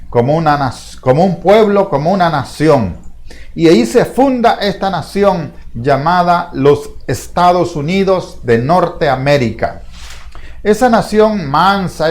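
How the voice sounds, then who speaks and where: A middle-aged male pastor giving a sermon, speaking deliberately, repeating phrases and asking the congregation rhetorical questions. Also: fairly high pitch, a little mellow.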